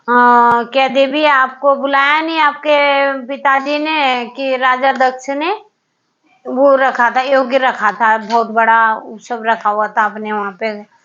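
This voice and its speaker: A woman tells a devotional story in a relaxed, casual way. Her voice sits high and she talks slowly, stopping on fillers and going back over her words. The recording is dull and lo-fi. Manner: unhurried and halting, with many fillers and repeated words.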